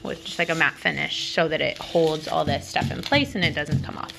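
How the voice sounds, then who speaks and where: A woman's voice: low-pitched, brisk, vocal fry, a bit bright, soft background music. A woman casually narrating a DIY craft project outdoors while filming on a phone in one hand, with lots of "um" and "like". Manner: chatty, lots of "um" and "like", light laughs. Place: outdoors at a patio table. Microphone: phone held in one hand.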